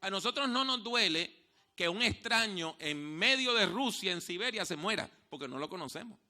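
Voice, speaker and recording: A man preaching a sermon as pastor, telling stories and dropping from hushed tones to loud outbursts, repeating key phrases slowly for emphasis. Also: high voice, expressive. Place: church.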